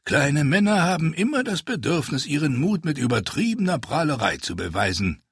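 A man's voice: on the high side, sing-song, breathy edge, dry recording, studio quality, pitched above the performer's own voice, exaggerated voice. A man doing a cold, condescending older ascetic. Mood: cool. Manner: measured, condescending.

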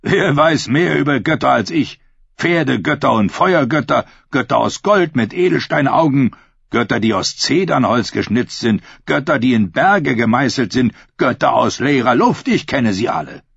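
A man's voice: medium pitch, expressive, moderate pace, vocal fry, fairly bright tone, husky, no room sound, voice pushed up, exaggerated voice. A man reading an audiobook, voicing a smug one-eyed pirate king who taunts in a silky, amused way. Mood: taunting. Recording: dull lo-fi recording.

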